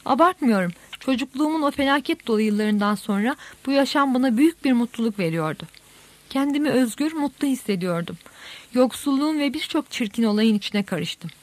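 A woman narrates an audiobook in a steady, measured manner. Her voice sits fairly high, recorded close and dry with no room sound. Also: no echo. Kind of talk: audiobook reading.

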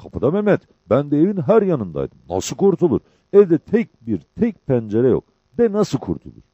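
A man voicing a huge, hot-tempered male bandit sergeant who is wounded and cries out loudly, in a dull lo-fi recording. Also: sits low, very animated, moderate pace, dry recording. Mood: enraged. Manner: loud, cries out in pain.

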